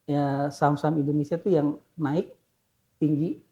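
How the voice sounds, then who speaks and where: A man answering as a guest on a talk show, explaining in a measured way. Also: on the high side, level tone, dark tone. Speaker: market guest. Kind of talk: casual podcast chat. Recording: slightly dull lo-fi sound.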